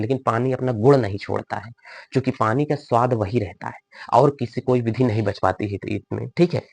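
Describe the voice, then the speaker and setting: Brief: male tutor lecturing students, quizzing them and teasing, mid-pitched, dry close sound. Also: darkish tone, no room sound. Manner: asks rhetorical questions and answers them himself; addresses students directly and teasingly. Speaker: teacher. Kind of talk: classroom lecture.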